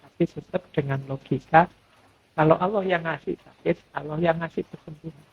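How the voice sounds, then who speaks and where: A middle-aged man delivers a mosque study lecture in a relaxed, conversational way, his voice gravelly and husky. He sits a little high in pitch. The sound is thin and phone-like. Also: normal speed. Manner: relaxed conversational preaching, acts out quoted voices. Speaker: lecturer on philosophy and Sufism.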